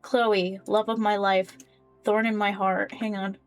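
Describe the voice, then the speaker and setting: A woman playing a story game, reading the dialogue and journal entries aloud in an expressive, casual way. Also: medium pitch, a little slow, soft background music. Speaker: game player voicing characters.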